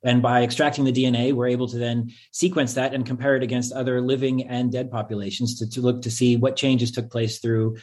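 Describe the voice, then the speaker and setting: A man's voice: mid-range voice, little pitch movement, fairly quick, hardly any pauses, darkish tone. A man speaking as an academic guest, explaining informally in a matter-of-fact, casual way. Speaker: professor, expert panel guest.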